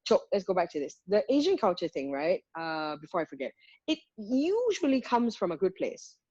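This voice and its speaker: A woman's voice: lowish voice, very animated, normal speed, dark tone, slightly rough, no echo, lo-fi sound. A woman, a guest singer talking frankly and reflectively, making her points one by one. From Malaysia. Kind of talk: candid conversational interview.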